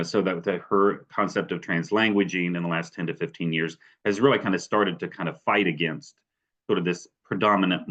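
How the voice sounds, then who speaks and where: This presenter from West Virginia has a deep voice with a bit of brightness, though the recording's highs are cut off. Giving an academic webinar, he keeps hedging with "sort of" and "kind of" and starting sentences over.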